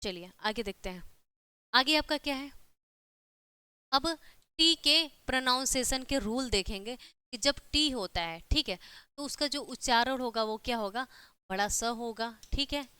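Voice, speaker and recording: Bright, clear-voiced woman teaching. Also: on the high side, measured pace, no echo. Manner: repeats "ठीक है" and rhetorical questions, explaining step by step. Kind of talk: online exam-prep lesson.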